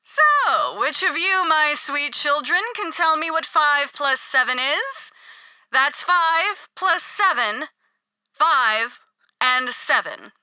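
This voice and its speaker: A woman's voice: high-pitched, very animated, slow, pushed and bright, no echo, heavily acted. An actress playing a young cult queen in a video game, mocking, sing-song and sweetly menacing. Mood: condescending. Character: gleeful, cruel young woman cult queen. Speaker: cult leader God Queen.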